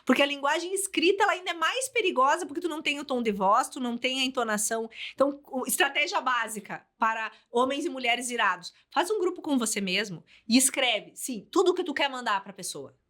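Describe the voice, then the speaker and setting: Woman, Brazilian accent, high bright voice; therapist guest giving lively advice. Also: fast talker, few pauses. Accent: Brazilian Portuguese. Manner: animated, explanatory, speaks in advice. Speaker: psychologist and couples therapist guest. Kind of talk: podcast conversation.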